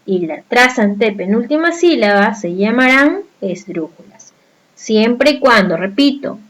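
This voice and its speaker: Slow, patient woman teaching a lesson. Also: a little high, rough recording. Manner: patient, asks the class rhetorical questions. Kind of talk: slow explanatory grammar lesson.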